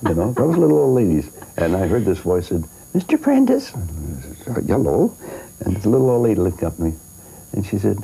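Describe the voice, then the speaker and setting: A man's voice: sits low, lively intonation, fast talker, creaky, warm tone, faint music behind, poor audio. An older man, a singer and actor, chatting in an interview and telling stories with lots of fillers, restarts and laughs. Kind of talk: interview, storytelling.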